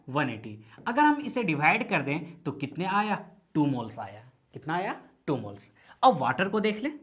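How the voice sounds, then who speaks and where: Lively woman teaching chemistry. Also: on the low side. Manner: asks the class questions and answers them herself; mixes English terms into Hindi. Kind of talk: classroom lecture.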